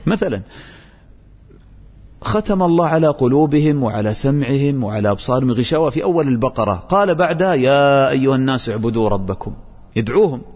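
A man teaching Quran commentary and grammar, reciting verses slowly and quizzing his students with questions. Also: medium pitch, animated, darkish tone, husky, long reverb tail. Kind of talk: tafsir and grammar lesson.

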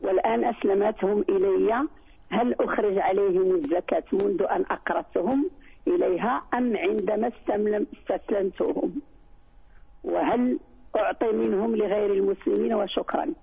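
Husky woman caller on a phone line. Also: medium pitch, fairly quick. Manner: polite, thankful.

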